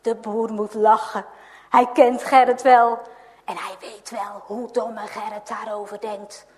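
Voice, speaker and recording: Slow, high-voiced woman storyteller. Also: flat delivery, darkish tone. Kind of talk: reading a children's story aloud. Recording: long hall reverb.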